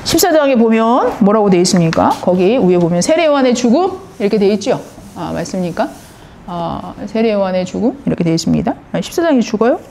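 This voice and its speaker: Middle-aged woman, Bible teacher, mellow tone, swooping lively delivery, acts out quotes. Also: mid-range voice, fairly quick, gravelly, slight background noise. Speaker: counselor teaching on scripture. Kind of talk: Bible lecture.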